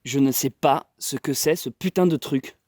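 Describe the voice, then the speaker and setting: A man's voice: medium pitch, moderate pace, darkish tone, no echo. A young man vlogging outdoors beside his bunker and orchard, talking straight to his viewers with many restarts and filler words. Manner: rambling, restarts, addresses viewers directly. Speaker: survivalist vlogger. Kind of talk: casual vlog to camera. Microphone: handheld camera.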